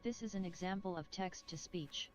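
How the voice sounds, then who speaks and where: A synthetic female text-to-speech voice reading a sample sentence in a flat, mechanical way. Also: fairly low pitch, normal speed. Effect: synthetic text-to-speech robot voice. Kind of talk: sample sentence read by a computer voice.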